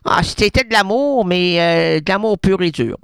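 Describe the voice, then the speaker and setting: A Québécois man hosting a radio show, rambling through absurd puns and stammered restarts. His voice is bright and crisp, with sudden shouts and hushed asides. The studio sound is dry and close. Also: high-pitched, expressive, moderate pace, no room sound. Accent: Québécois French. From Quebec. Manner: stammering, pun-laden, jumps between hushed asides and shouts. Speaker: radio host.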